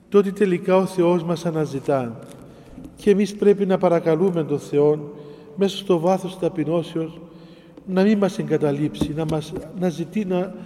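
In a hall with a long echo, a man with a high but dark, mellow voice preaches on a psalm. He reads a verse and then explains it phrase by phrase, circling back, repeating himself and pausing as he goes through the scripture line by line.

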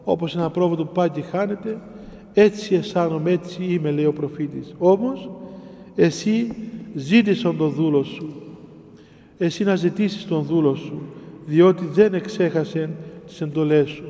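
Guy giving a sermon, high-ish dark voice, goes over each verse again and again, big echo hall. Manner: explains scripture line by line, repeating and pausing. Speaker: preacher. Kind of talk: sermon on a psalm.

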